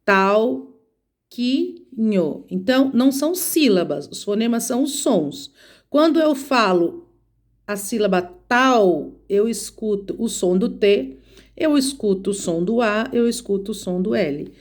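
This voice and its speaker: Slow, patient Brazilian teacher woman. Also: medium pitch, lively intonation, a little mellow. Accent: Brazilian Portuguese. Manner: patient, explains step by step, counts letters aloud. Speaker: schoolteacher. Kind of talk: recorded remote lesson for children.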